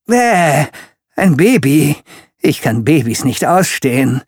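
A man's voice: fairly high pitch, expressive, unhurried, no echo, studio quality, voice pushed up. A man voicing a grumpy, boastful self-declared villain in a children's story, ranting and dramatic. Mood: disgusted ranting.

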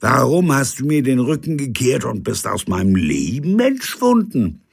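A man's voice: medium pitch, sing-song, normal speed, vocal fry, breathy edge, voice pushed up, full character voice. A man voicing a drunken, hysterical old sea captain in a storybook, wailing theatrical outbursts. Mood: overwrought.

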